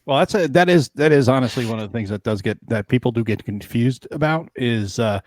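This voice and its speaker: A man's voice: mid-range voice, fairly quick, no echo, clean studio sound. A man from the Northeast United States with a Northeast accent, hosting a casual, joking podcast chat. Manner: animated, joking. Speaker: podcast host.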